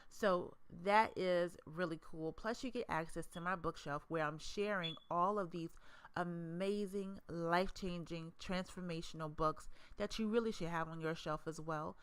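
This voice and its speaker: A woman hosting a mastermind program, who pitches it with enthusiasm, stacks up emphatic adjectives and speaks straight to the listener. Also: moderate pace, clear, resonant tone, no room sound. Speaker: educator and mastermind host. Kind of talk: promotional presentation.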